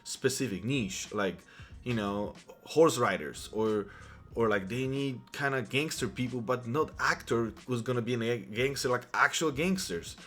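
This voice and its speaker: Here the Polish vlogger, a man in his thirties with a Polish accent, speaks in a mid-range, somewhat bright voice at a measured pace. It's casual personal storytelling to camera, rambling and often restarted as he tells his life story.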